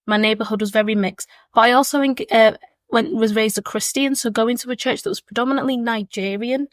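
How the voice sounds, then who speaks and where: A brisk, slightly high-voiced woman in her 20s gives reflective, sincere answers as a podcast guest, sitting at the table with the hosts and repeating words while she thinks. She is an education consultant, Zimbabwean-born and raised in Leeds. The recording is dry.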